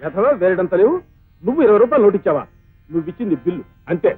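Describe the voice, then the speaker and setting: An actor playing a gruff hotel cashier who scolds and dismisses a boy. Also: high voice, animated, very fast. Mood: scolding. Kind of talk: 1980s film drama. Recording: tinny lo-fi film soundtrack with faint music.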